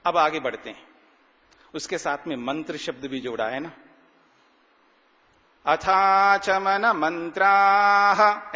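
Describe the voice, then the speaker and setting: Man, sermon, high voice, rhetorical questions, slow emphatic recitation, long hall reverb. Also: a bit bright. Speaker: swami giving a morning discourse. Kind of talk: sermon explaining ritual mantras. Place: ashram hall.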